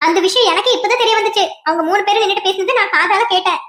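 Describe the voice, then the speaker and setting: A woman doing a bossy gossipy young friend, very high voice. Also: rapid-fire, sharp tone, reverberant, a little hiss or hum. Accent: Kanyakumari Tamil.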